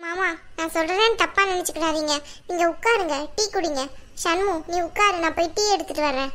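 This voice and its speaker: A woman voicing a kind elder sister in a cartoon, soft and welcoming. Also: very high-pitched, fairly quick. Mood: conciliatory. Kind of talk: cartoon voice acting.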